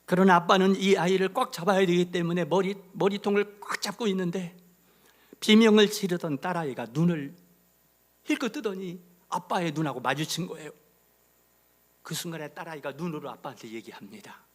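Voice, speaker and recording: A male pastor preaching a sermon, telling a story with sudden drops to a whisper and loud emphatic peaks. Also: high-pitched, a little fast. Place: church sanctuary.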